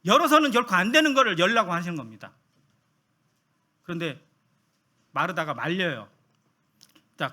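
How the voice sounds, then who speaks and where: A man's voice: sits high, bright, forceful tone. A man preaching a sermon, asking the congregation questions and acting out the voices of the people he quotes.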